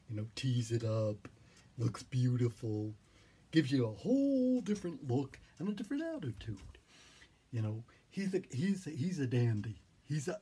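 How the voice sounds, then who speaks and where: A clown giving an informal, playful and theatrical demonstration in a silly, whimsical, rambling way, with a husky voice and repeated phrases. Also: medium pitch, dark tone. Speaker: clown teaching wig and costume styling.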